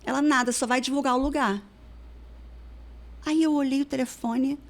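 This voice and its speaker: A woman's voice: sits high, moderate pace. A woman, a weight-loss therapist telling stories as a podcast guest and acting out past conversations. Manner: animated, acts out dialogue from her past. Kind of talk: casual storytelling in a podcast interview.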